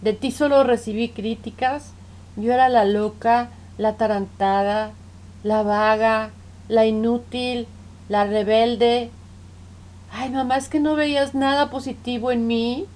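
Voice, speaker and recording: A woman's voice: fairly high pitch, fairly even intonation, a little slow, a little mellow, natural voice. A woman speaking as a middle-aged counseling patient who reproaches her parents, pleading and repeating "mom" between accusations. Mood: reproachful.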